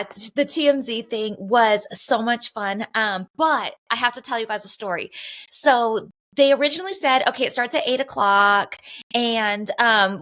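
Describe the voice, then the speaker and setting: In a casual podcast chat recorded at a Los Angeles area home, a woman co-host rambles through a story, leaning heavily on "like" as filler. Her voice sits on the high side, with a bright, forceful tone.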